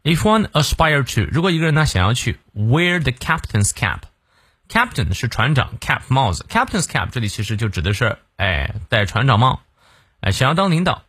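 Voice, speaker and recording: A male English teacher explaining sentences bit by bit, with many fillers, reading the English lines slowly and carefully. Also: mid-range voice, big pitch swings, a bit bright, breathy edge, no echo, studio quality. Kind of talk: morning English reading lesson.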